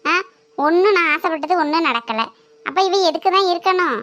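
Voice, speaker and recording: A woman's voice: extremely high pitch, lively intonation, fairly quick, a bit bright, highs cut off. A woman playing a nagging older mother-in-law who scolds and complains bitterly in a family skit. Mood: bitter complaint. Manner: complaining, scornful rant.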